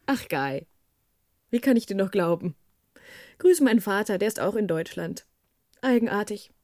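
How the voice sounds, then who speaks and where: A woman's voice: mid-range voice, expressive, normal speed, darkish tone, dry recording, studio quality, lightly acted. An actress playing an exasperated young woman who scolds her lover in a radio play, in a reproachful tone. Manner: reproachful, rising.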